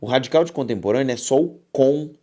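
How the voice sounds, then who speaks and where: A Brazilian woman running an exam-prep grammar lesson, her pitch swinging widely up and down. She talks emphatically and keeps pulling students back with calls to look and listen. She fondly addresses them as her dears. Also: expressive, fast talker, dark tone. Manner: affectionate, calls viewers "my dears".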